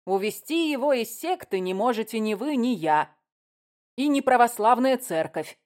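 A woman's voice: a little high, expressive, moderate pace, a little mellow, voice pushed up, lightly acted. A woman reading an audiobook, voicing a combative male official who argues in a raised, lecturing voice. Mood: heated, lecturing.

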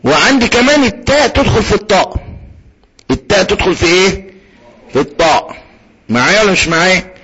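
A man with an Egyptian accent teaching Quran recitation, slowly sounding out letters and having students repeat after him. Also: high-pitched, lively intonation, bright, forceful tone, muffled recording. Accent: Egyptian Arabic. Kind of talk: tajweed lesson with call-and-repeat drills.

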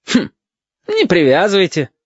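A man's voice: very high voice, sing-song, normal speed, a bit bright, dry recording, pitched above the performer's own voice, heavily acted. A man voicing a panicky adult navy lieutenant who shrieks and blusters, in an audiobook reading. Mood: mocking. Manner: screechy, blustering, barking orders. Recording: dull, dry audiobook recording.

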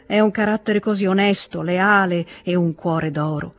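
A man's voice: high-pitched, normal speed, a bit bright. A man reading the lines of a jovial, gregarious aristocrat in an audiobook, effusive and exclamatory. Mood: warm praise.

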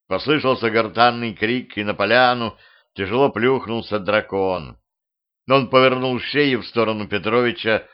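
A man narrating an amateur audiobook with a lively, expressive reading. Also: on the low side, smooth, dull audio.

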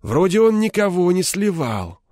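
A man voicing a hard, commanding gang leader with a hoarse, curt delivery. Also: high voice, very animated, normal speed, warm tone, no room sound, studio quality, voice pushed up. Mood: gruff. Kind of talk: audiobook character voice.

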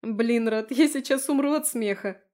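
Woman reading a drunk, giggly young girlfriend, higher and brighter than the narrator, teasing. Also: moderate pace, close to an everyday voice.

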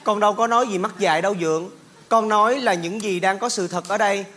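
A man acting in a comedy sketch, speaking in a calm, mock-formal way. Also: high-pitched, quick pace. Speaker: comedian playing a son.

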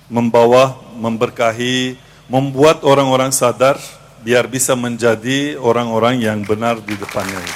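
A man who works as a teacher, speaking casually and reflectively to an audience, pausing with fillers. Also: medium pitch.

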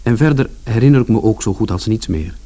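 An actor plays a plain-spoken working-class son narrating his own story in a colloquial, confiding first-person radio drama. His voice is lowish and mellow, and he talks fast and with animation, though the mood is subdued and sad.

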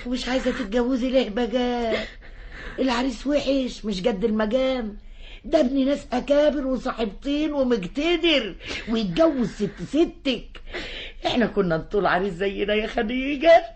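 A woman's voice: on the high side, expressive, normal speed, darkish tone, slight background noise, close to an everyday voice. An actress playing a bustling Egyptian village mother who scolds her daughter and fawns over a grand lady, in a 1960s radio drama. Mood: scolding. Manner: scolding, then fawning to the lady. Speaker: the girl's mother.

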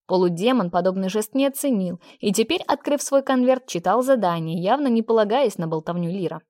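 A woman reading a novel aloud as an audiobook narrator, in a steady, measured storytelling manner. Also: medium pitch, no room sound, clean studio sound. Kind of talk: scripted narration.

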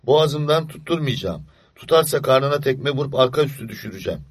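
A man reads as a small boy gripped by night terrors, his raised voice rushing and breathless with panic. The sound is close and dry, with no room around it. It is storybook narration, tense and urgent throughout. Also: medium pitch, lively intonation, breathy edge, no echo, voice pushed up. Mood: frightened. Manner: breathless, panicky inner monologue. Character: frightened young boy lying awake at night. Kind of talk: audiobook story reading.

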